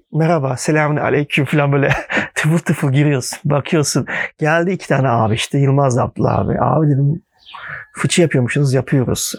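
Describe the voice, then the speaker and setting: A man's voice: fairly high pitch, gravelly, slightly rough, dry recording. Man animatedly telling a story, dry sound. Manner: animated, acts out quoted dialogue. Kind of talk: casual conversational storytelling.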